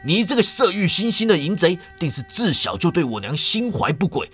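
A man voicing a furious, vulgar young swordsman who shouts and curses accusations. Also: mid-range voice, very animated, moderate pace, faint music behind. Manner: shouting, cursing.

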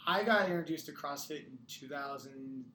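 A man's voice: a little high, normal speed, pushed and bright, echoey room, slight background noise. A man, a podcast guest and gym owner, chatting casually in an easygoing, agreeable way. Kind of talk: casual conversational.

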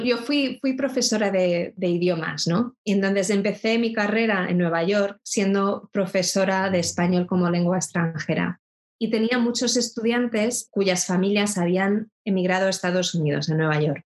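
A middle-aged woman from Spain, a guest in a conversation, speaking thoughtfully with frequent restarts and rhetorical asides. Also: medium pitch. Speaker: interview guest. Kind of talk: reflective conversation.

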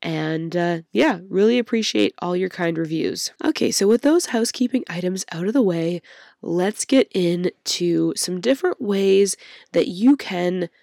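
Woman, podcast host, croaky cold voice, upbeat, direct to listeners, lowish pitch, dry sound. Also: expressive, measured pace, mellow, dry recording. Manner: upbeat, speaks straight to listeners. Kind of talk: solo workshop-style podcast talk.

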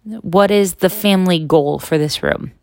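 A woman's voice: lowish voice, unhurried, no room sound. A middle-aged woman hosting a casual podcast monologue in a candid, conversational way, often checking in with a "right?", recorded outside a proper studio. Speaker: podcast host. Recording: makeshift non-studio recording.

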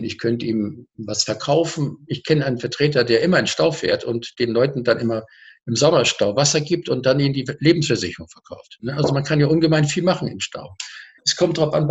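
On a TV interview, a male personal-growth speaker walks through his ideas with energy and lots of examples. His pitch sits in the medium range, and the audio has a lo-fi quality.

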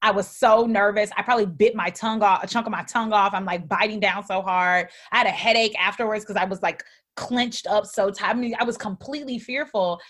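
A woman co-hosting a podcast in casual conversation, rambling with frequent fillers and restarts, and getting animated and expressive when she tells a story. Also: mid-range voice, fairly quick.

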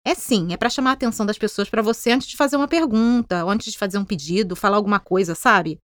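A woman's voice: mid-range voice, quick pace, no room sound, studio quality. A woman with a Brazilian Portuguese accent hosting a scripted educational podcast, explaining in a friendly, playfully teasing way. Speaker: podcast host and English teacher.

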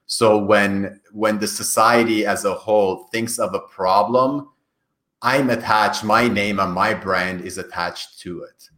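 A man raised in Iran, Farsi his first language, answers podcast interview questions as a guest over a call. His voice is on the low side and fairly bright, with fairly even intonation and an unhurried pace. He's earnest, frequently restarting and repeating words.

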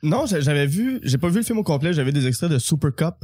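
A man with a Québécois accent, a comedy writer on a podcast, talking in a relaxed, hesitant way. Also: fairly high pitch, quick pace, breathy edge. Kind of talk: casual comedy podcast chat.

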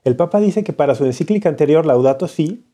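A man's voice: fairly high pitch, animated, quick pace, mellow. A man co-hosting a casual podcast, explaining points patiently and teasing his co-host playfully.

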